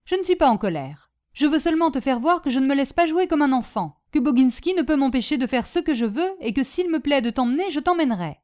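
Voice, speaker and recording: A domineering old aunt snaps out orders and mockery, voiced by a woman reading a storybook. Her voice sits high and pushes loud. She sounds scornful and sure of her own power. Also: expressive, fast talker, few pauses. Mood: stern. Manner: sharp, mocking, commanding. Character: domineering stubborn older aunt, scornful and scolding.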